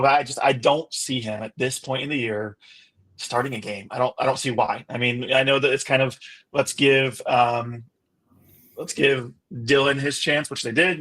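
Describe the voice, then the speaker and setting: A man talks through a topic at an even middle pitch, filling pauses with ums and you-knows as he works his way to the point. He is the show's medical voice in a loose podcast chat, explaining more than arguing. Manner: explanatory, thinks aloud with many fillers. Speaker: medical analyst. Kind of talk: casual podcast sports chat.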